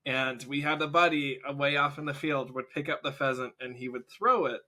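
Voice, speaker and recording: A man's voice: medium pitch, fairly quick. A man co-hosting a podcast, telling a story in casual chat and laughing through it. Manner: laughs through his own story, animated. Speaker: podcast co-host.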